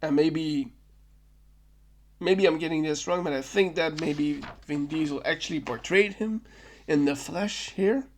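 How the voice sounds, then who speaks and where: A podcast host with a fairly high voice and a measured pace recaps a film casually. He rambles, keeps correcting himself and stammers when he restarts.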